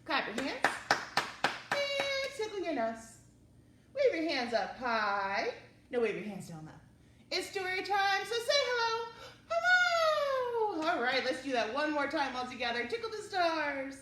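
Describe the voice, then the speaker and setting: This woman's voice is very high, pushed and bright, very animated but a little slow. She reads to young children and chats with them in a singsong, encouraging style. Faint background noise and a distant mic give the recording a roomy sound.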